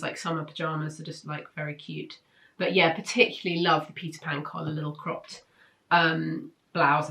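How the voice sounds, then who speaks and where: Hosting a weekly sewing pattern roundup, a British woman speaks to camera in a casual review vlog. Her voice is low-ish, bright and forceful, but nasal and congested because she has the flu and a blocked nose, and she stays chatty and enthusiastic throughout.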